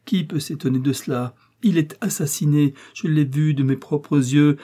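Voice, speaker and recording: Man voicing a terrified young woman from a storybook, high and pleading, loud and breathless, husky edge. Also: steady tone, normal speed. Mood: frantic. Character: terrified young woman, frantic and near madness.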